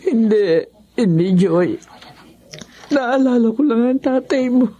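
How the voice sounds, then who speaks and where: A grieving sickly widow. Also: female voice, on the high side, lively intonation, takes it slowly, mellow. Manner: weary, tearful. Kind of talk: radio horror drama.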